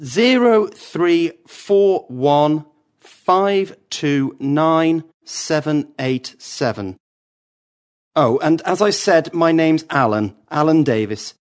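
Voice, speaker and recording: A man doing a slow, hesitant voicemail caller. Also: on the high side, animated. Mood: polite. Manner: hesitant, polite, apologetic, with fillers and pauses. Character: man leaving a voicemail about a lost bag. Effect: voicemail message left after the tone. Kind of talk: scripted listening-test recording.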